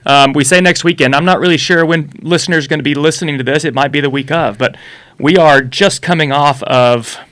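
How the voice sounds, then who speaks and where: A man's voice: on the high side, a little fast, fairly bright tone. A man race director hosting a casual podcast from an office, easygoing and joking, sometimes correcting himself mid-sentence.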